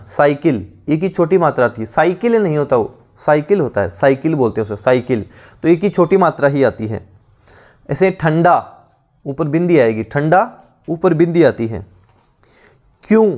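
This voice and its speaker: A man's voice: fairly high pitch, darkish tone. A male teacher giving an online exam-prep lesson, drilling words by repeating each one several times.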